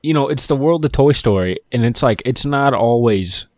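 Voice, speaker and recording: A man who is a guest on a podcast, chatting casually in an excitable, rambling way and swearing freely. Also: medium pitch, moderate pace, no room sound, studio quality. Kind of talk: casual chat.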